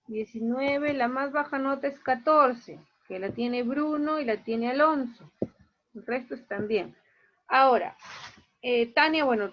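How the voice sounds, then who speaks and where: Speaking in a high voice, a woman running an online class works through her students' grades individually and gives a plain explanation for each one. The audio is muffled.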